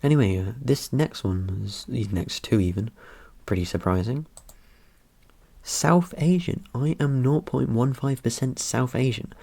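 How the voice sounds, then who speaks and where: Commenting casually on his ancestry results, a young vlogger from Britain rambles, jokes, and says um and uh a lot. His voice is medium-pitched, creaky, and mellow, at a measured pace.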